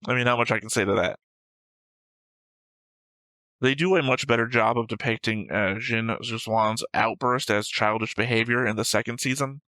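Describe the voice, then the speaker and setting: On a poor-quality recording with no room sound, an anime reaction show co-host argues his points in a casual, matter-of-fact debate, picking apart the discussion. His mid-range voice is pushed and bright, fairly even in intonation, at a moderate pace.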